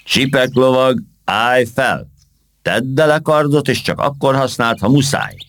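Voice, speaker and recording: A man voicing a young beetle king who is a gentle, noble knight, speaking in a calm, kindly and teaching manner in a storybook reading. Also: medium pitch, no echo, voice pushed up, close to an everyday voice.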